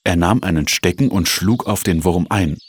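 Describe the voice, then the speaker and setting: Very deep-voiced man reading a children's story. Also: normal speed, background noise. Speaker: narrator.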